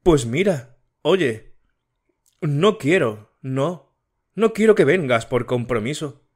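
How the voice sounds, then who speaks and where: A man's voice: fairly high pitch, animated, slow pace, voice pushed up. A man voicing a tearful young woman of twenty-three. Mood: pleading. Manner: pleading, tearful. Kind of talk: audiobook character reading.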